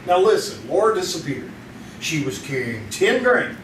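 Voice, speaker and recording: An actor playing a stubborn, loyal newspaper crime photographer, defensive and slangy, in a live old-time radio drama. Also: male voice, on the high side, very animated, moderate pace, a bit bright. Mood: indignant. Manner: defensive, insistent, tough slangy talk. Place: theater stage, performed live. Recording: distant, echoey live stage, noisy room.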